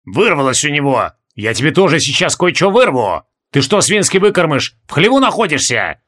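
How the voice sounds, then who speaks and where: A man voicing a loud, gruff male guard captain who scolds his soldiers, in an audiobook. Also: a little high, big pitch swings, moderate pace. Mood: scolding. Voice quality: gruff, blustering.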